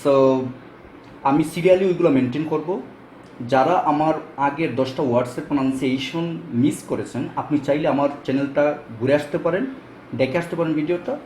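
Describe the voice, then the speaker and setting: A man whose voice sits on the high side, a little mellow and at a moderate pace, teaches English pronunciation in a casual spoken lesson. He explains step by step with frequent fillers. The room is echoey with faint ambience and slight background noise.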